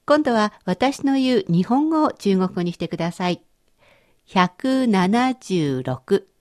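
A Japanese woman teaching a radio language lesson, explaining patiently and clearly. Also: mid-range voice, lively intonation, moderate pace, darkish tone.

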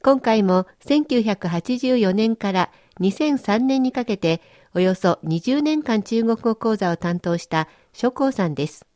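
A woman hosting a language lesson, reading scripted narration in a clear, instructive way. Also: fairly high pitch, expressive, measured pace, few pauses, mellow, no room sound, clean studio sound.

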